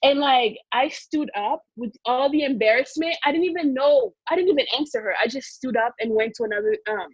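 A woman from Congo tells a personal story in an emotional, rambling way, with plenty of fillers. Her voice sits a little high and sounds husky. The recording is dull and lo-fi, with a close, dry sound. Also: fairly quick, few pauses, no room sound. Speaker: guest telling a personal story. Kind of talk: casual storytelling.

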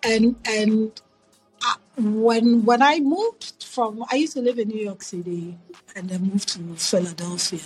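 Speaking unhurriedly over a remote call, a middle-aged woman from Ghana shares her story as an interview guest, earnest and reflective, often starting sentences over. Her voice is somewhat high, faint music runs underneath, and the sound quality is poor; it's conversational storytelling.

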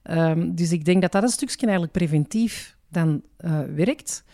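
A woman weighs both sides thoughtfully on a panel, pausing now and then. Her voice is low and mellow, and the sound is dry and close. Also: dry recording. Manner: thoughtful, hesitant. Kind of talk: reflective panel discussion.

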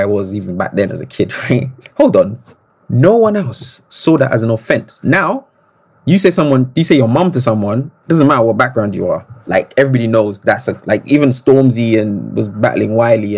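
A man, telling stories as a podcast guest in an animated, reflective way. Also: on the low side, husky. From Congo. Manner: reflective, animated storytelling with restarts. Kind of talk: casual interview conversation.

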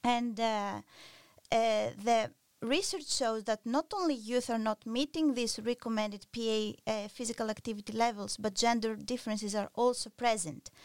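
A woman researcher from Greece, explaining her findings in a podcast interview in a measured way, pausing often with filler sounds. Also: on the high side, no room sound. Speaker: researcher guest.

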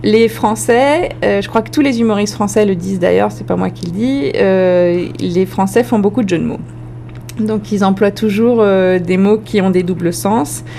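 A woman from France with a French accent, a comedian answering interview questions in a reflective way, often pausing to search for her words. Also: medium pitch, vocal fry, warm tone, slight background noise. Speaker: comedian guest.

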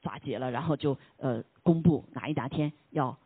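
A preacher giving a casual sermon, asking the listeners questions, dropping English words into the talk and tagging lines with a soft "ha". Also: medium pitch, normal speed, breathy edge, dry recording. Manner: asks the listeners rhetorical questions; mixes English words into Chinese speech. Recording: tinny phone-like line, dry.

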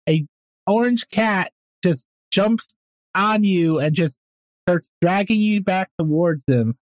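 A woman's voice: on the low side, slow, no echo. Playful woman improvising at a game table. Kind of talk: casual improvised game narration.

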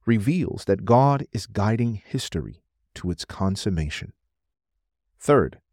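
Low-voiced guy reading a scholarly religious book out loud, formal and measured, really dry close sound. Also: no echo. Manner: formal, measured, announces quotations. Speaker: narrator reading a theological text aloud. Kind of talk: scripted audiobook-style narration of a scholarly religious text.

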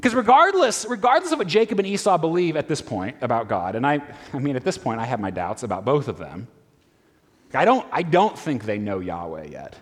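A man preaching a conversational sermon in a casual, animated way, full of fillers and restarts, heard in a reverberant church hall. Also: medium pitch, a little fast. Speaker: pastor.

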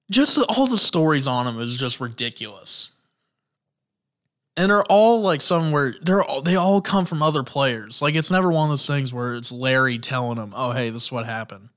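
A man's voice: a little high, fairly bright tone. A man hosting a casual solo sports podcast. He tells stories with enthusiasm and rambles, often restarting sentences and using fillers. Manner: enthusiastic storytelling. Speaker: podcast host.

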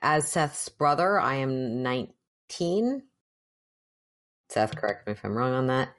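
A woman voicing a young male changeling cleric who speaks in a dry, self-mocking, measured way. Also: rumbling low, sing-song, exaggerated voice. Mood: wry.

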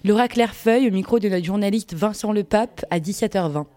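A woman's voice: medium pitch, fairly quick, mellow. A woman hosting a live radio show, announcing the programme in a friendly, scripted way into a studio microphone. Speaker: radio host.

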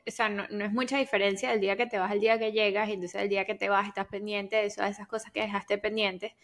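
A woman's voice: mid-range voice, little pitch movement, fast. A woman co-hosting a casual chat, telling stories in Spanglish, dropping English words into her Spanish. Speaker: podcast co-host.

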